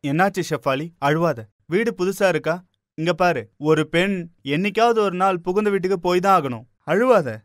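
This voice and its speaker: A man's voice: high voice, moderate pace, dry recording, studio quality, close to an everyday voice. A man voicing a patient young husband who coaxes and grows baffled. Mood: coaxing. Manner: mild, coaxing, exasperated.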